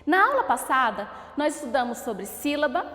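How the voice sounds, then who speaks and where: A woman teacher with a Brazilian Portuguese accent giving a recorded lesson for children, asking pupils questions and drawing out each syllable slowly. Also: sits high, big pitch swings, a bit bright. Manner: slow, drawn-out syllable-by-syllable pronunciation, asks questions to pupils. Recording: echoey room with long reverb.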